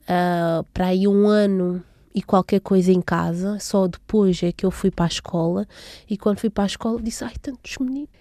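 A young woman from São Tomé with a mellow, warm tone tells her story in an interview. She pauses often with fillers and restarts. The recording is dry and close. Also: mid-range voice, no room sound. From São Tomé and Príncipe. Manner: hesitant, many fillers and restarts. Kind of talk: casual personal recollection.

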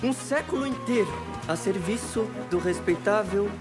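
An actor playing a theatrical Brazilian circus ringmaster, announcing grandly to his audience in a film trailer with drawn-out words. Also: high-pitched, expressive. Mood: grand, inviting. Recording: loud music over film trailer voice.

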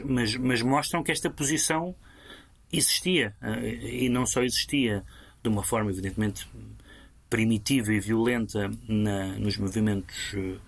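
A man's voice: mid-range voice, gravelly. A man with a European Portuguese accent discussing a book as a critic on radio, full of fillers and restarts. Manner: hesitant, many fillers and restarts.

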